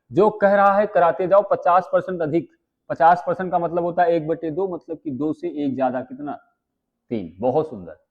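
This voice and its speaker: A man teaching maths, chatty and firing quick questions at his students. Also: on the high side, phone-quality sound. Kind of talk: live online exam-prep class.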